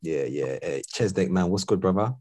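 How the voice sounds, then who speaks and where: Man, low voice, London roadman accent, slangy podcast host, casual chat, dry close sound. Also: animated, moderate pace, mellow, no echo. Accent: London, urban street. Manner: street-slang roadman talk.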